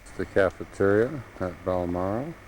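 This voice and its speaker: A man's voice: low-pitched, expressive, normal speed, darkish tone, a little hiss or hum, poor audio. Man narrating on an old VHS tape. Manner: plain commentary describing sights. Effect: old VHS camcorder tape sound. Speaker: tourist filming a home video. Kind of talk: casual tour narration. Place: outdoors in the countryside. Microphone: built-in camcorder mic.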